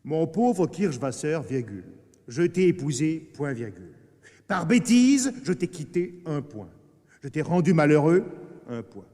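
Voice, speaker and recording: An actor playing a charming young public letter-writer in a radio operetta, bantering and theatrical. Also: male voice, a little high, big pitch swings, a little fast. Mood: mocking. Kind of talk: 1960s radio operetta dialogue. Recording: reverberant radio studio recording.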